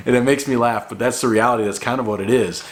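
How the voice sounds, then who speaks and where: A man's voice: medium pitch, fairly even intonation, quick pace. A man giving an informal, encouraging hobby tutorial in a laid-back, conversational way. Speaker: hobby hunter giving a duck calling tutorial. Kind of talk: casual instructional talk.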